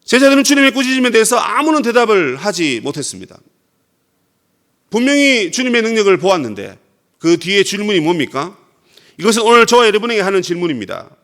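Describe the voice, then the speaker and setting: Male pastor from Korea, expressive preaching, high and animated delivery. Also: fast. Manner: preaching with dramatic acted quotes of Jesus. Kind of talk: sermon.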